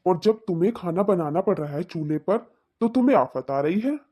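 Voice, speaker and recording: A woman's voice: on the low side, expressive, brisk, mellow, husky. A woman doing a meek cartoon father-in-law. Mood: reproachful. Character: older husband, meek father-in-law who scolds gently.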